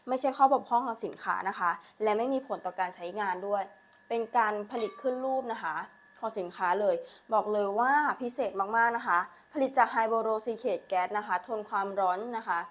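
A woman selling on a live stream, with a repetitive, urging sales pitch full of polite particles. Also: normal speed. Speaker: live-stream online seller.

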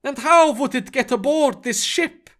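A man's voice: high-pitched, sing-song, normal speed, a bit bright, voice pushed up. A man voicing a tense male base commander who asks urgent, alarmed questions.

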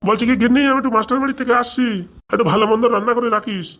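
A bumbling village priest in a cartoon, voiced by a performer, quick-talking and defensive. He fumbles his chants and grumbles back at his nagging wife. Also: medium pitch, steady tone, a bit bright, lightly acted. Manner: defensive, stumbling over chants. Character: bumbling poor village priest man, henpecked. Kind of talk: comic cartoon voice acting.

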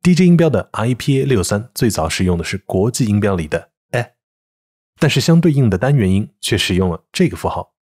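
A man with a fairly low, slightly husky voice explains pronunciation points in a calm, even scripted voice-over. He slows right down to demonstrate example words one by one, clear and deliberate. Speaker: English pronunciation teacher.

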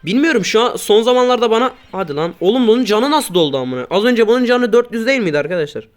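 Guy yelling at teammates while he plays, mumbles then blows up, kinda high voice. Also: lively intonation, quick pace, faint music behind. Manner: swears, mutters at teammates, swings between low grumbling and sudden loud outbursts. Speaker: gaming YouTuber. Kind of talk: casual gameplay commentary.

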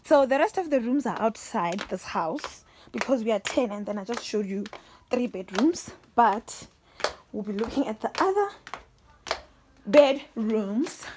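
A woman's voice: fairly high pitch, animated, measured pace, darkish tone, slight background noise. A young woman casually narrating a house tour on a handheld phone, chatty and easily delighted, gushing over each room. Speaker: vlogger. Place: holiday lodge, indoors. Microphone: handheld phone camera.

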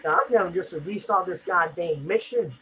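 Slow-talking woman gamer ranting. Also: on the low side, a bit bright, poor audio. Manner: frustrated, exclaiming, swearing at the game. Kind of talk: gameplay commentary.

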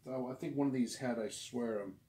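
In a small home room, a man in his forties who runs a record collecting channel rambles through a casual show-and-tell for the camera, relaxed and full of slang. He speaks a little fast, with a warm, medium-pitched voice. The distant mic sounds roomy, and background noise is clearly audible.

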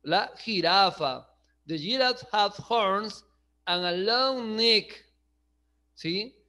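High-voiced, unhurried teacher. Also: male voice, pushed and bright. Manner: checks understanding with frequent "¿sí?", chuckles often. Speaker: English teacher. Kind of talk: online class, bilingual explanation.

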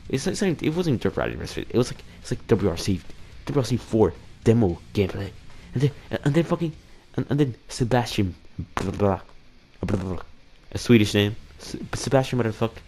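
A man's voice: on the low side, very animated, brisk, hardly any pauses, a little mellow, a little hiss or hum. A man hosting a casual year-in-review vlog, rambling, swearing and mocking himself, tagging "dude" onto nearly every sentence. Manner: rambling, profane and self-mocking, keeps saying "dude". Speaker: channel host.

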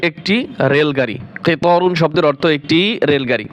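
A man with a fairly quick, somewhat high voice gives a slow, spelled-out Quran recitation lesson. He spells out letters, draws out every syllable and repeats words several times before explaining them.

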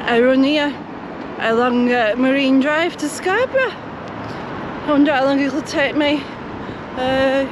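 An English woman who vlogs about vanlife chats casually to the camera, addressing both her dogs and her viewers. She starts inside a motorhome and then heads out onto a seafront promenade, speaking in a high voice over noisy surroundings.

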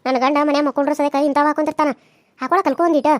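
Casting: woman voicing a high, fast, sharp-tongued cartoon woman, North Karnataka accent. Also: steady tone, no echo, clean studio sound, lightly acted. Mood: mocking. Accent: North Karnataka Kannada. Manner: sulky, mocking.

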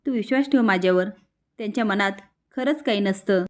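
A woman's voice: medium pitch, fairly quick, natural voice. A woman voicing a young daughter who earnestly pleads with her father, in a spoken soap-story retelling. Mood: pleading.

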